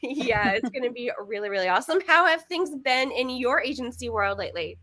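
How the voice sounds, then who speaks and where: A woman with a high, bright voice hosts a live online webinar. She talks in an upbeat, chatty way and laughs easily. Her tone is sharp and lively. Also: brisk. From Texas. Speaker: webinar host.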